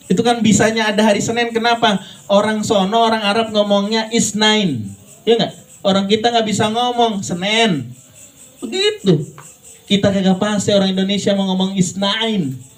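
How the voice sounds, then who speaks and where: Man, islamic preacher, fairly high voice, playful and earnest by turns. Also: rough recording. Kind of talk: lively sermon.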